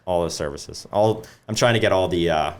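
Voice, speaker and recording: A young man speaking as a guest in a casual interview, in a relaxed way with many ums and likes. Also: low voice, a little fast. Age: young adult. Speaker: guest business owner.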